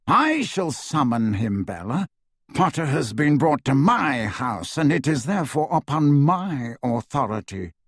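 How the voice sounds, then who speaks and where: Cast a man playing a haughty nobleman wizard, cold and commanding, husky tone. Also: medium pitch, very animated, measured pace, no room sound, studio quality. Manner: cold and imperious. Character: haughty aristocratic male wizard, proud.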